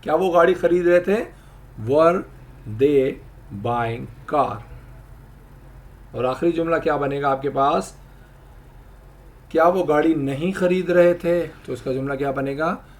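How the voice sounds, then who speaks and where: A man teaching English grammar, explaining slowly and repeating example sentences. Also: a little high. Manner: addresses viewers, asks them to try. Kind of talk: spoken language lesson.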